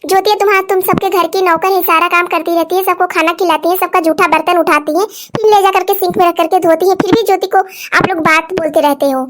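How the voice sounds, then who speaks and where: A woman's voice: very high voice, steady tone, fast talker, hardly any pauses, a bit bright, a little hiss or hum. A woman voicing a sassy, mocking younger sister in a cartoon story. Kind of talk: cartoon voice acting.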